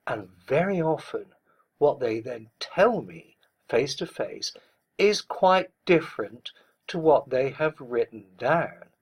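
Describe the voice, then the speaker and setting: Slow, husky male speech coach. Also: medium pitch, big pitch swings. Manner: measured, deliberate, stresses words clearly. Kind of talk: instructional talk.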